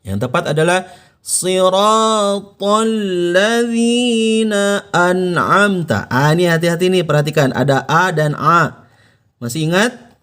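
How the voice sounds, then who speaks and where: An Indonesian man teaching Quran recitation, explaining patiently and slowing down to model each phrase for the listener to repeat. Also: on the high side, fairly bright tone. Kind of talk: instructional explanation with slow demonstrations.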